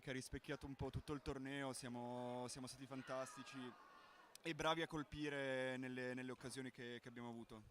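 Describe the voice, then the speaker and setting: A male journalist giving a quick, emotional comment from the pitchside, halting over his words. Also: a bit bright, slight background noise.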